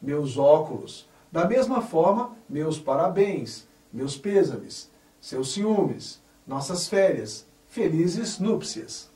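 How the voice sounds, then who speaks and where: Spelling out words with care, this teacher reads example sentences in a slow, deliberate Portuguese grammar lesson, putting stress on every correct form. His voice is a little high and dark in tone, with big pitch swings. He's in an echoey room, positioned somewhat far from the microphone.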